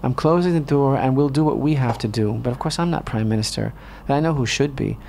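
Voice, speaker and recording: Talk radio host, male, mid-pitched, impassioned commentary, indignant rhetorical questions, studio read. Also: quick pace, creaky, darkish tone, slight background noise.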